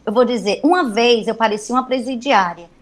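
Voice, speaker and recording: Woman, fifties, animated storyteller, fairly high voice. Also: brisk. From Brazil. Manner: lively storyteller who acts out dialogue. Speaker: business trainer and consultant. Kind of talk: webinar storytelling.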